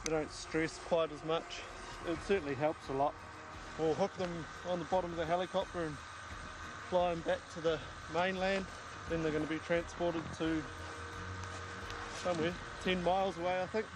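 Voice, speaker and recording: A man explains casually in the field. His voice is on the high side, with clear outdoor and vehicle noise around him. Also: fairly even intonation, moderate pace, pauses often. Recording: noisy outdoor vehicle ambience.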